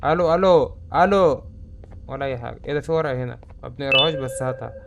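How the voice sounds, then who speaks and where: A man's voice: mid-range voice, steady tone, rapid-fire, creaky, sharp tone, a little hiss or hum. A young man with an Egyptian Arabic accent, chattering through a horror game and saying he is scared. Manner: chatty, jumpy, easily spooked. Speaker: gamer. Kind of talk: let's-play commentary.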